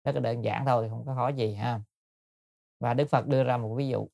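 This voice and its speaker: A man's voice: medium pitch, fairly even intonation, moderate pace, vocal fry, darkish tone, no room sound, clean studio sound. A man giving a Buddhist dharma talk, explaining patiently and politely to his listeners with frequent hesitations. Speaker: Buddhist teacher.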